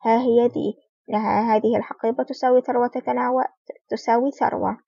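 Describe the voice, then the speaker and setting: A woman voices a big, gruff male yacht captain with a gravelly voice. The tone is dark and husky. The recording is dull and lo-fi. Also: a little high, fairly even intonation, fairly quick, dry recording.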